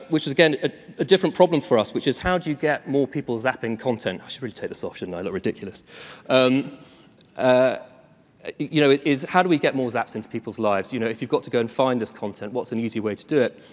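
A man presents a live tech demo on a conference stage, relaxed and self-deprecating, filling gaps with ums. His voice sits in the middle range and carries a long reverb from the large hall around him. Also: medium pitch, fast talker.

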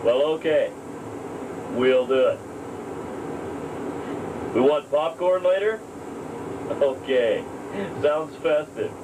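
A man putting on a high, chipper voice to play an imagined roommate making small talk. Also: animated, slow, pauses often. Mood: chirpy. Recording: distant camcorder audio, air conditioner hum.

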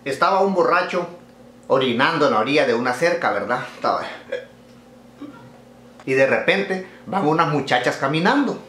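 Animated joke-telling man, roomy echo. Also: fairly high pitch, normal speed, pauses often, slight background noise. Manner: animated, tags lines with "¿verdad?". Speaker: joke teller. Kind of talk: telling jokes to camera.

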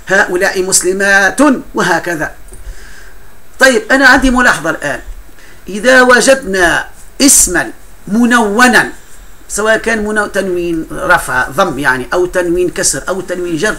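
Quick, bright-voiced male teacher. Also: sits high. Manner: explains patiently, often laughs, breaks off and restarts words. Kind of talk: classroom grammar lesson.

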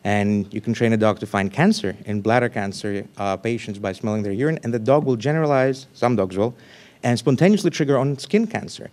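A man giving a scientific talk at a conference in a lecture room, speaking loosely with restarts and sudden animated bursts of emphasis. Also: fairly low pitch, brisk.

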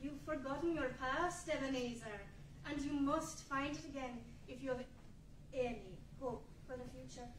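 A woman playing a young, earnest spirit of the past in a radio play, measured and solemn. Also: sits high, slight background noise, lightly acted. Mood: gently urging. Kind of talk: 1940s musical radio play acting. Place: large indoor meeting room, live stage reading. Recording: echoey room, distant mic.

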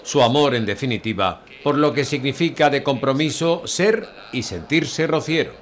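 A man's voice: medium pitch, moderate pace, slight background noise. A man reading a scripted news report as a voice-over.

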